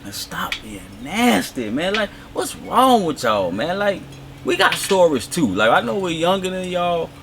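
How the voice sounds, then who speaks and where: Animated joking man, lively pitch. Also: a little slow, noisy background. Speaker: co-host. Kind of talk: casual chat.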